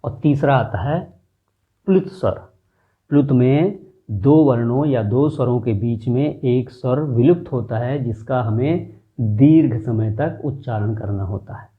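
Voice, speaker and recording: A man teaching a lesson, slowly explaining and drawing out vowel sounds as he demonstrates them. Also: medium pitch. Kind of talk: classroom lesson. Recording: tinny phone-like audio.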